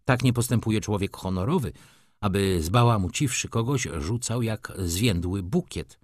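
A man's voice: on the low side, moderate pace, a little mellow, no room sound, studio quality, natural voice. A man reading an audiobook, voicing a haughty, capricious society lady who talks in an offended, reproachful, coquettish way.

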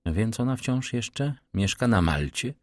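A man's voice: fairly low pitch, sing-song, unhurried, no room sound, voice pushed up. A man voicing an anxious aristocratic countess who keeps probing with questions. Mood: searching. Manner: pressing, questioning.

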